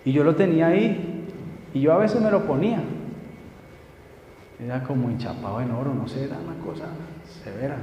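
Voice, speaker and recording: A middle-aged pastor with a slightly high, mellow, expressive voice preaches fairly quickly, telling stories emphatically and questioning his congregation, with long pauses in between. The audio is dull, recorded in an echoey hall with long reverb and faint noise.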